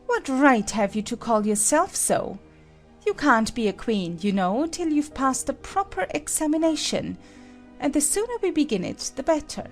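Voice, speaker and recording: Woman as imperious Red Queen, swooping pitch. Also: sing-song, moderate pace, soft background music. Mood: sharp. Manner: sharp, imperious, lecturing. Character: stern, bossy, haughty queen. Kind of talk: dramatized storybook acting.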